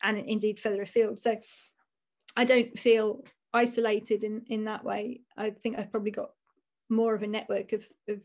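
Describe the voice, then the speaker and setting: A woman's voice: medium pitch, little pitch movement, normal speed, a little mellow. A woman in her forties, an author, chatting casually and self-deprecatingly on a video call from a room at home.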